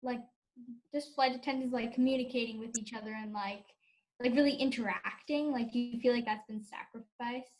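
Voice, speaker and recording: Higher-voiced woman asking interview questions. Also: fairly even intonation, brisk, a little mellow, poor audio.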